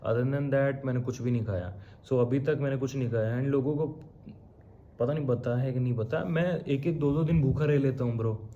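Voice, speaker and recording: Chatty young man vlogging, warm voice. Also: mid-range voice, moderate pace, dull audio, slight background noise. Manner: chatty, mixes English into Hindi, says bro often. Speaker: travel vlogger. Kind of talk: casual travel vlog. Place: hotel room.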